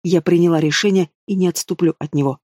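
Fiery young woman mage in a fantasy audiobook, a man reading her: indignant, sharp, dry close recording. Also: on the high side, steady tone, quick pace, dry recording, lightly acted.

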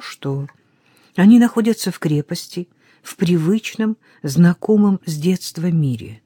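A narrator reading a historical novel aloud in a calm, measured storytelling voice that drops to a hush at tense moments. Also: mid-range voice, no room sound, studio quality. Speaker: audiobook narrator. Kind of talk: scripted audiobook narration.

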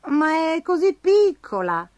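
A woman voicing an eager, excitable young male stick creature in a storybook, exclaiming a lot. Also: extremely high pitch, slow pace, dry recording, voice pushed up, heavily acted. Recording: dry, with faint music behind.

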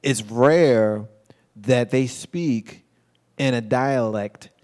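A middle-aged man hosting an internet radio show, talking in a relaxed, colloquial way. His voice sits at an ordinary pitch. He chats loosely and conversationally. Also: very slow. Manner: relaxed, colloquial, laughs often. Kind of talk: casual chat.

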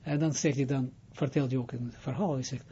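In an informal spoken lesson on Kabbalah, a rabbi explains things step by step, frequently asking "Duidelijk?" and making halting restarts. His mid-range voice is mellow with fairly even intonation, the highs are cut off, and there's a little hiss or hum.

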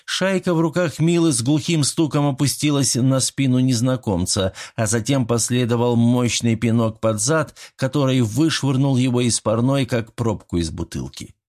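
Brief: male audiobook narrator, steady and even. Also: mid-range voice, moderate pace, hardly any pauses. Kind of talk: scripted narration.

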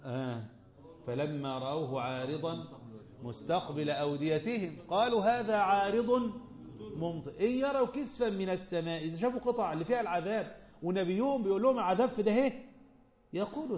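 Egyptian male religious teacher, slightly high voice, echoey muffled lo-fi recording. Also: darkish tone. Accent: Egyptian Arabic. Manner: quizzes listeners, slows to recite verses. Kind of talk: Quran commentary lesson. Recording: echoey, dull lo-fi room recording.

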